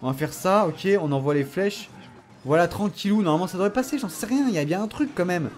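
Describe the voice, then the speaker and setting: A man giving animated gameplay commentary, teasing and self-mocking, often laughing and bursting into excited shouts. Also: high-pitched, fast talker. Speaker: gamer commenting his own matches.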